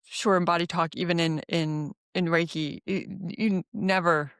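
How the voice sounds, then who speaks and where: A woman health coach speaking as a podcast guest in a measured, thoughtful way, with some restarts. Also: on the low side, steady tone, clean tone, no room sound, studio quality. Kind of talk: casual interview conversation.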